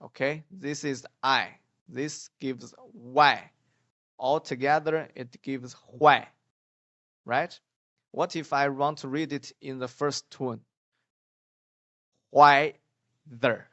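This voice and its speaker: A man gives a beginner pronunciation lesson. He speaks slowly and patiently and calls out example syllables loudly. The sound is dull and lo-fi, with a dry, close feel. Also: mid-range voice, steady tone, dry recording. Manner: slow, patient drilling of sounds, often loud on examples. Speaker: Mandarin teacher.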